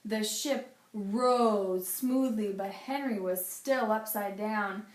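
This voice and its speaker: Reading a children's picture book aloud as a teacher, a woman with a mid-range voice tells the story in a deliberate, dramatic way. The room she's in is echoey.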